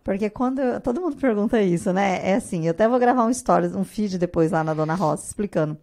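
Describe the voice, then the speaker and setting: A woman's voice: mid-range voice, fast talker. A woman from Brazil in her thirties chats as a podcast guest. She tells her stories with energy and puts on a raised voice when she quotes others. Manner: animated storyteller, acts out quotes in a raised voice. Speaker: guest, artisan biscuit maker. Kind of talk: casual podcast interview.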